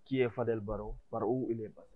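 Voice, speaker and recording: A quiet, soft-spoken man hosting an interview and putting questions to his guest. The sound is narrow and phone-like, with a clear hiss and faint clicks behind his voice. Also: fairly low pitch, steady tone, quick pace.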